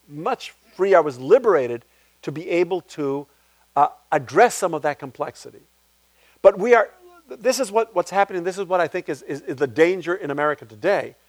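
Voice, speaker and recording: A man, a playwright, answering audience questions at a public talk in a reflective way, restarting his sentences often. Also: no echo. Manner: reflective, restarts often, animated pitch swings. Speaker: guest speaker, playwright.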